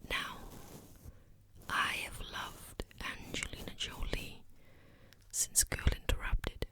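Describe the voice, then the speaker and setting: A woman chats in a casual ASMR style, entirely in a breathy whisper. She takes her time, often repeating a word softly. The microphone is very close, so the whisper sits right at the listener's ear. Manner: slow, gentle pacing with repeated words. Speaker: ASMR content creator. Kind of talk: ASMR whispered rambling chat.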